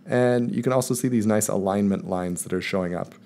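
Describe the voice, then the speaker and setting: A man calmly walking viewers step by step through a screen-recorded software tutorial, in voice-over. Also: fairly low pitch, fairly quick, vocal fry. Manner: calm step-by-step explaining. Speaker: math teacher presenting a tutorial. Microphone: voice-over recorded over screen capture.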